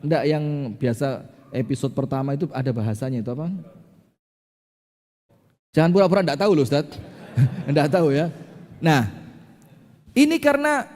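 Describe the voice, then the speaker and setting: A man delivers a sermon in a fairly high voice. He tells stories animatedly, acting out the characters and joking with the crowd. The long reverb of a hall hangs behind him. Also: normal speed, pauses often. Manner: lively storytelling, acting out characters, joking with the audience. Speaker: preacher.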